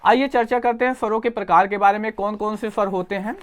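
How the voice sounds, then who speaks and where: A man's voice: high-pitched, steady tone, quick pace, clean tone. A male teacher giving an exam coaching lesson, asking questions and answering them himself and correcting his own slips.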